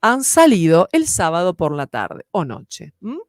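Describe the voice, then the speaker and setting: Woman, French teacher, patient explanations, animated pitch, dry recording. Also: a little slow, no room sound. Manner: explains patiently with frequent checking tags like "¿sí?" and "¿eh?". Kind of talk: online French lesson in Spanish.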